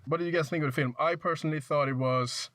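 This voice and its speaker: A man chatting casually as a film critic on a podcast, relaxed and hedging, steering the discussion. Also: on the high side, fast. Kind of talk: casual film review chat. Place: inside a parked car.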